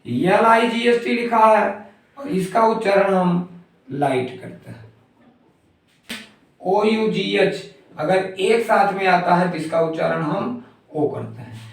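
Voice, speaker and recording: A high-voiced man teaches a phonics lesson at a slow, patient pace, saying each example word more than once. He sits well back from the mic in a heavily echoing room. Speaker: English teacher. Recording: very echoey room, mic far off.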